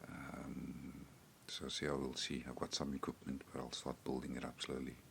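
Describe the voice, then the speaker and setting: This South African podcast guest and co-host has a deep bass voice that's gravelly yet fairly bright, delivered flatly at a normal pace. Chatting casually over a remote call with slight background noise, he rambles and repeats words often.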